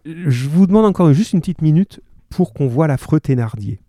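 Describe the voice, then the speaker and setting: A man teaches a class over the radio. His voice is very dark and mellow, and the sound is dry and close. He reads aloud in a lively, chatty way and keeps stopping to explain. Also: on the high side, normal speed, no room sound.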